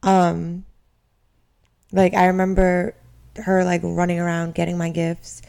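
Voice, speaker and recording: A woman's voice: on the low side, monotone, a little slow, gravelly, mellow, clear, resonant tone. A woman chatting casually as a podcast co-host, opinionated and teasing. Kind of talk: casual chat.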